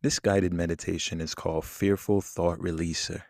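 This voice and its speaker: A man leading a guided meditation in a soothing, unhurried manner with long pauses between phrases. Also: low voice, little pitch movement, creaky, no echo, clean studio sound. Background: soft plucked guitar music.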